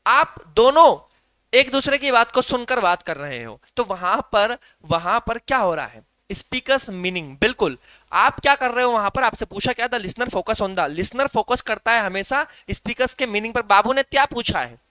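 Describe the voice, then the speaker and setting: A man's voice: sits high, animated, normal speed, sharp tone, clean tone, no room sound. A male teacher giving a live online exam-prep class, explaining through rhetorical questions and calling his students "beta".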